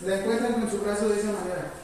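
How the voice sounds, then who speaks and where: Coaching nursing instructor, mellow voice, heard from across a big echoing room. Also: mid-range voice, steady tone, very fast. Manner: coaching, asks questions, urges energy. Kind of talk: hands-on first aid class. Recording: echoey hall, far from mic, faint room noise.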